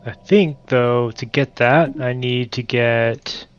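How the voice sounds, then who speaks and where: A game streamer whose nose is stuffed up from allergies mutters to himself, thinking aloud as he plays a multiplayer strategy game in casual commentary. His medium-pitched voice moves slowly. The audio has its highs cut off, with slight background noise.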